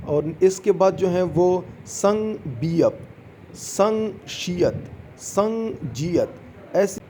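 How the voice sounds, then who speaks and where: A man's voice: a little high, dark tone, slight background noise. A man teaching a casual beginners' language lesson, patiently repeating each sound and encouraging his students.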